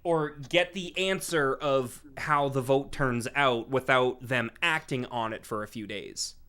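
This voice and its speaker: A man's voice: mid-range voice, measured pace, sharp tone, smooth. Laughing, swearing man at a game table. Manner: laughs often and swears freely. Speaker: player. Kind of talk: casual out-of-character chat about a tabletop game.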